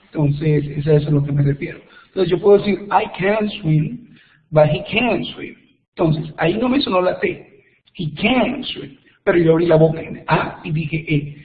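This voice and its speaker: Man teaching over tinny web audio. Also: a little high. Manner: slow careful modeling of English examples. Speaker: English teacher. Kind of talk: online class lecture. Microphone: web conference.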